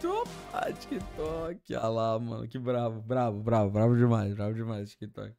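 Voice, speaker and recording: A young man with a Brazilian accent, streaming and reacting excitedly with lots of slang and exclamations. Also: lowish voice, a little fast, vocal fry, clean tone, soft background music. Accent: Brazilian Portuguese.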